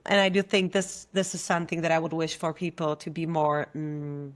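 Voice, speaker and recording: A woman coach from Germany speaks in a fairly low voice. She talks in a reflective way and grows lively when she tells a story, as a guest in a casual conversation. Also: normal speed.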